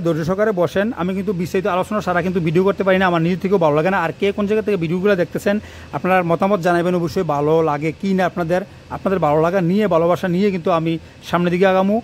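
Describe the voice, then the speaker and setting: A man, an electrician talking quickly and repetitively through a hands-on wiring tutorial, recorded on a phone in a workshop. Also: high-pitched, slight background noise. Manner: fast, rambling, repeats himself while working. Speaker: electrician teaching wiring on his channel. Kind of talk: hands-on tutorial talk to camera. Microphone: phone camera propped nearby.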